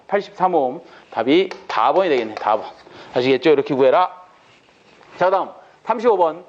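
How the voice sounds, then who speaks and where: High-voiced man quizzing through an exam lecture. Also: highs cut off. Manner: asks rhetorical questions and answers them himself.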